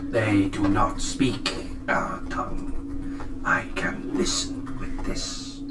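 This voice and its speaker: A man's voice: deep voice, little pitch movement, drawn-out words. A man playing a grave, proud reptile hunter who gives terse orders in stiff English at a tabletop game. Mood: stern. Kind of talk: in-character tabletop role-play. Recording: roomy echo, music underneath.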